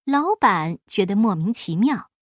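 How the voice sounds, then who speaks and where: Field: storytelling. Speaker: woman reading a children's story. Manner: expressive, slow. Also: medium pitch, dry recording, clean studio sound. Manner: expressive, measured.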